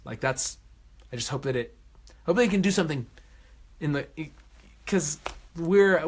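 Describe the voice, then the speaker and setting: A man hosting his own vlog, giving a casual spoken movie review from a room at home at night, excitable and effusive, swinging between loud bursts and soft murmurs. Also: mid-range voice, vocal fry, breathy edge.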